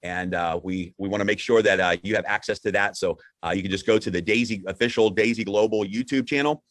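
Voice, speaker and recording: A man with a fairly low voice hosts a live online broadcast. His delivery is conversational and upbeat, with halting phrases and repeated words. The sound is dry, with little room in it. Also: fairly even intonation, fairly bright tone, no echo. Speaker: host.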